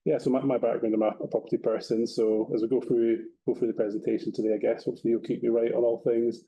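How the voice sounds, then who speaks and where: Quick and level in tone, this mid-range, slightly rough voice belongs to an Edinburgh man from Scotland representing a property company as a webinar guest. He chats easygoingly, repeating words as he goes, and the audio is dull.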